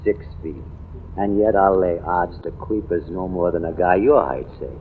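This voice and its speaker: A man with a low voice, close to an everyday tone, speaks at a moderate pace as a cocky, hard-drinking American newspaperman in old-time radio drama. Knowing, insistent and slangy, the character theorizes about a killer, heard through a tinny, noisy vintage recording.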